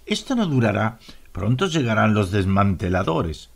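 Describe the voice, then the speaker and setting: A man with a Latin American Spanish accent voicing a courteous, ironic gentleman in an audiobook. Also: lowish voice, big pitch swings, moderate pace, gravelly, heavily acted. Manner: polite, ironic. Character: smooth, ceremonious host, Stendhal.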